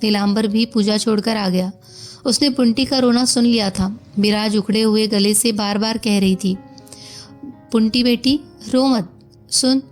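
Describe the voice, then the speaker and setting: Brief: woman storyteller, measured reading, faint music behind. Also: mid-range voice, steady tone. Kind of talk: scripted story narration.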